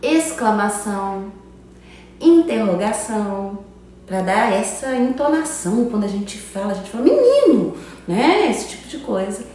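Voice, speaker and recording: Woman teacher, fairly high voice, chatty video-lesson delivery, echoey room with the mic a little far off. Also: darkish tone, slight background noise. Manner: chatty, asks "tá?" after almost every phrase. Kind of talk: online grammar lesson.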